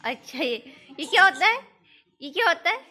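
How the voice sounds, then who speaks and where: A woman chatting playfully with a child, often laughing and exclaiming as she retells the tale. Her voice sits very high and sounds sharp and bright. A little music plays quietly behind. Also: sing-song, moderate pace. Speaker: family vlogger.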